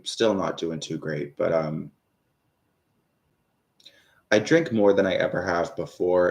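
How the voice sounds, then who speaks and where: A man's voice: low voice, gravelly. A man in his thirties doing a live tarot reading, rambling and swearing between viewers' questions. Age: 30s. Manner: rambling, swears, many fillers and restarts; talks to viewers, reads out their questions. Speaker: tarot reader.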